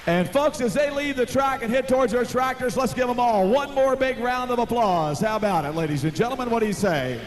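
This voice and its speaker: An American man working as an arena announcer, introducing competitors in a rousing, projected voice with drawn-out names. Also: extremely high pitch, soft background music. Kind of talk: driver introductions at a tractor pull show. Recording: noisy live arena PA recording.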